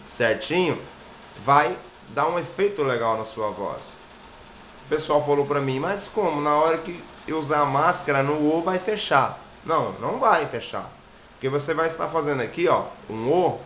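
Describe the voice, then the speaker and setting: A Brazilian man with a fairly high voice teaches singing, talking patiently step by step and showing vowel shapes. The recording is dull and lo-fi, in an echoey room with a faint hiss. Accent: Brazilian Portuguese. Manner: explains step by step, demonstrates vowels and sings high examples. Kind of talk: video singing lesson.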